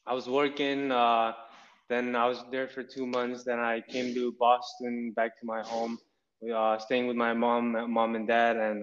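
Young man in his early twenties, from Nepal, meandering easygoing chat, muffled lo-fi remote line. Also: mid-range voice. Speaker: podcast guest. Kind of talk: casual interview chat.

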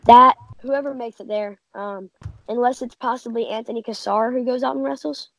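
A woman's voice: a little high, fairly even intonation, moderate pace, a bit bright, low-quality recording. A woman co-hosting a casual sports chat, giving confident, opinionated picks. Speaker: podcast co-host.

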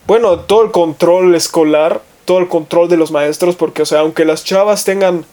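A man's voice: high-pitched, fairly even intonation, mellow. A young man with a Mexican accent, chatting casually with slang and frequent swearing. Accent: Mexican Spanish. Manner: slangy, swears freely, rapid bursts. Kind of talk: casual chat.

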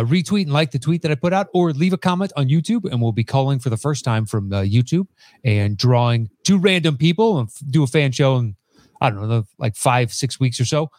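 A man's voice: mid-range voice, a little mellow, no echo, clean studio sound. A man hosting a casual podcast, introducing guests in an easygoing way with plenty of fillers. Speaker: podcast host.

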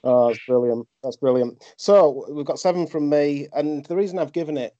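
A man's voice: a little high, fairly even intonation, normal speed, warm tone, no echo. A man hosting a podcast in a casual, conversational review style. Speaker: podcast host. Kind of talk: casual wrestling review chat. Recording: dull, dry lo-fi microphone.

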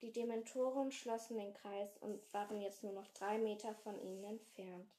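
A woman reading a fantasy novel aloud in a slow, hushed storytelling manner. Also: medium pitch, fairly even intonation. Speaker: podcast host reading aloud. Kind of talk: slow dramatic read-aloud.

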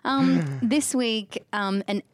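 A woman's voice: on the high side, expressive, slow pace, no room sound, studio quality. A woman from northern New South Wales with an Australian accent, co-hosting a casual chat and rambling with lots of ums and restarts. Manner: chatty, self-mocking, many ums and restarts. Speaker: podcast co-host.

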